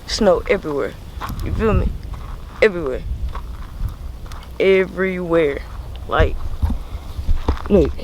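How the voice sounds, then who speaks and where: A woman's voice: lowish voice, takes it slowly, long pauses, a little mellow. A woman chatting casually to a vlog audience, slangy and repetitive, her speech slightly impeded by a grill on her teeth. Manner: slangy, repeats words for emphasis. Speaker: vlogger. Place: outdoors, walking in snow. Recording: noisy windy outdoor recording. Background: wind and outdoor noise.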